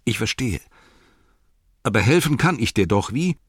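A man's voice: mid-range voice, sing-song, moderate pace, breathy edge, no echo, clean studio sound, pitched above the performer's own voice. Sam, a man voicing a loyal earnest hobbit. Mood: determined. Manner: earnest, protective. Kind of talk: audiobook character voice.

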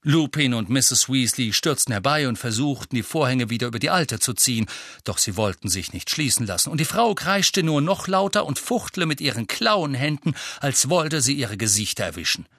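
A male audiobook narrator who tells the story with lively rises and falls in pitch. His tone is bright and forward, recorded close in a dry, dead room. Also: normal speed, dry recording. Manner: expressive storytelling. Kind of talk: scripted narration.

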